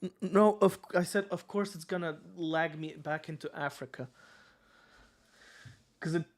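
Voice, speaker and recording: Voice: mid-range voice, fairly even intonation, moderate pace. A streamer from Switzerland, chatting casually and thinking aloud while playing, joking and swearing as they guess. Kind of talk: casual gaming stream chat.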